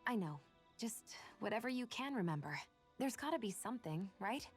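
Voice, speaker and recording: An actress playing a reserved but caring young woman companion in a game, asking gentle questions. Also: a little high, sing-song, moderate pace, faint music behind. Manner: soft-spoken, probing, gentle. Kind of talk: game voice acting.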